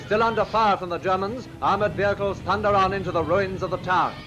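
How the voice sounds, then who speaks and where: A man's voice: sits high, steady tone, a little fast. A man announcing in an old wartime newsreel, declaiming emphatically. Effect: old newsreel narration. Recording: dull distant old newsreel audio with music.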